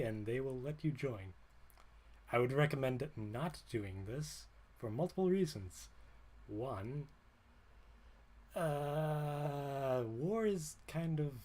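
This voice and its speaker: A man's voice: mid-range voice, darkish tone. A man streaming, talking in a rambling, wry way and often stopping to correct himself mid-sentence. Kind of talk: casual livestream monologue.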